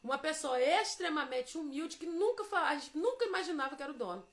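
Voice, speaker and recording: A woman's voice: high voice, expressive, quick pace. A Brazilian woman giving a devotional testimony, telling her story emphatically and acting out the dialogue.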